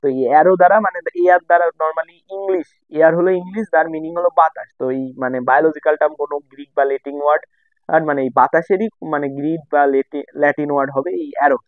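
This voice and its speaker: A young Bangladeshi man tutors in a relaxed lesson, going over each point more than once and putting it in new words for his students. His voice sits a little high with fairly even intonation, and he speaks very fast. The audio is dry with no room sound and has a tinny, phone-like quality.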